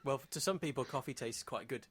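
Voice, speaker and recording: A man's voice: medium pitch, a little fast, a little hiss or hum. A man from northern England, a podcast guest with a dry, wry sense of humor. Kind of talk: casual podcast chat.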